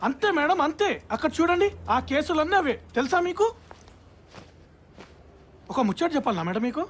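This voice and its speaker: An actress playing a brusque police station desk officer who bosses juniors and brushes off complainants. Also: female voice, high-pitched, very animated, moderate pace, a little hiss or hum. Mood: dismissive. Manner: brusque, dismissive, bossy with juniors. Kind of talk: dubbed film dialogue.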